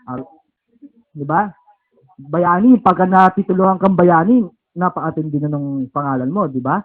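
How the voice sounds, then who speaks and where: A man with a Filipino accent teaching the Bible at a home service, checking in with "okay?" and repeating words slowly. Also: a little high. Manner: keeps asking "okay?" and "di ba?". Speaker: preacher. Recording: tinny phone-like lo-fi recording.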